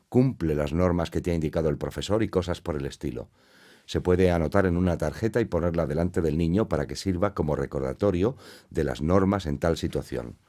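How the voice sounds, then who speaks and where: A man giving a scripted voice-over of a lecture for parents, speaking in a measured, teacherly way and explaining each point step by step. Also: low-pitched, warm tone.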